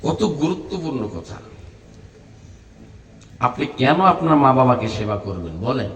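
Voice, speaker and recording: A man's voice: mid-range voice, very animated, a little slow, fairly bright tone, a little hiss or hum. A man preaching a sermon, chanting his lines and breaking into melodic sung passages. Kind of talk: Bangla waz sermon. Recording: echoey hall, voice from far off.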